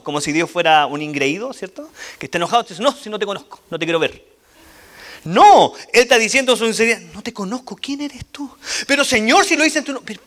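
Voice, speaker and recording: A man teaching a Bible lesson to a church group, animated and asking the audience frequent questions. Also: sits high.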